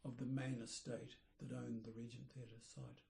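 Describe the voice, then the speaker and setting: Older aussie guy rambling about old times, mellow low-key voice, echoey room. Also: little pitch movement, moderate pace, vocal fry. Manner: rambling, searching for names. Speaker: architect interviewee. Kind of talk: reminiscing interview.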